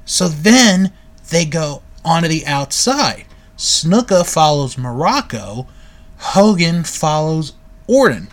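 A man giving a casual, relaxed recap of a video, often correcting himself and filling pauses with "um" and "uh.". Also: a little high. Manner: relaxed, self-correcting with frequent fillers. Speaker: video reviewer.

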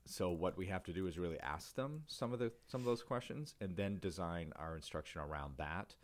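A man's voice: low-pitched, animated, fairly quick. A man co-hosting an education podcast, chatting casually and rambling a little, often restarting his sentences. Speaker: podcast co-host.

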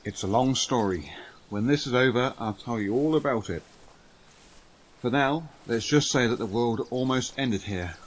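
A man's voice: mid-range voice, moderate pace, lightly acted. A man playing a loyal, blunt, down-to-earth army sergeant in an audio drama. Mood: sombre. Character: loyal British army sergeant, plain-spoken, uneasy.

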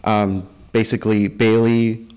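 Man, podcast co-host, somewhat low pitch, casual recap and discussion, echoey room. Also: flat delivery, unhurried, darkish tone, clear, resonant tone.

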